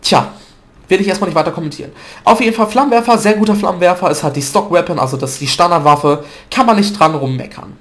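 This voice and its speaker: Talking fast in a high, slightly bright voice, this gaming video commentator chats loosely over gameplay while nasal from a cold. He uses fillers and corrects himself, recording at home through a desk mic.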